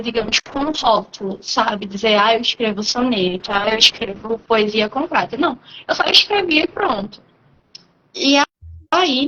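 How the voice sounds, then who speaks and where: A fairly high-voiced woman with a Brazilian Portuguese accent talks as a guest in a live online interview. She explains her writing thoughtfully and at length, pausing often. The sound is dull and lo-fi, with a faint hiss behind her. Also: fairly bright tone. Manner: reflective, explaining at length with frequent pauses. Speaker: guest poet.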